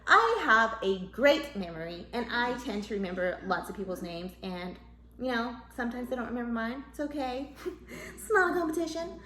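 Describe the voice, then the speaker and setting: A woman with a fairly high voice chats to the camera like she's catching up with a friend. She is a mom vlogger sharing tips and stories and acts out the dialogue as she goes. The room around her is echoey. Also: moderate pace. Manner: lively, acts out quoted dialogue in a higher voice. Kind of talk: casual chatty storytelling to camera.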